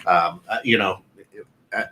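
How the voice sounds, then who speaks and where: A man's voice: low voice, fairly even intonation, measured pace, bright, forceful tone. A man in his fifties co-hosting a casual chat show, rambling and joking with lots of fillers. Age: 50s. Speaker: co-host.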